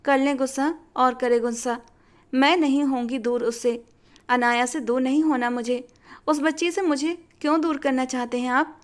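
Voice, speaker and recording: A woman's voice: sits high, steady tone, normal speed, close to an everyday voice. A woman voicing a stubborn young woman who pleads and defies, often close to tears, in a story. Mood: defiant. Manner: pleading and defiant.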